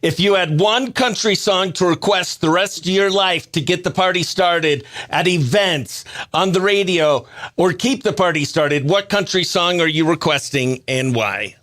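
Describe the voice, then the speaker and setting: A man with a notably high, bright voice hosts a livestreamed radio show at an unhurried pace. His breezy, exclamatory talk shifts between casual chatter and excitable shout-outs to his audience.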